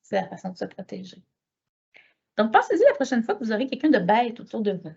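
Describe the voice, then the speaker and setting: A middle-aged woman with a Quebec French accent giving a conference talk, telling lively stories and acting out the dialogue. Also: on the high side, fast talker, creaky, slightly rough, muffled recording. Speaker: lecturer.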